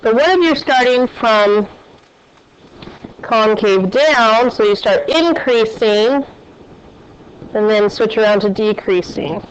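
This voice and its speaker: A woman's voice: fairly high pitch, slow, long pauses, a little hiss or hum. A woman math teacher lecturing a class and quizzing her students with questions as she goes. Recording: dull, lo-fi classroom recording.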